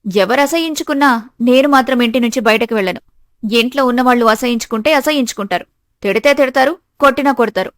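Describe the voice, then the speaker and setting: Brief: wronged young bride, voiced by a woman, earnest and steady, storybook. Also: a little high, fast talker, dry recording, clean studio sound, natural voice. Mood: defiant. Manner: earnest, pleading.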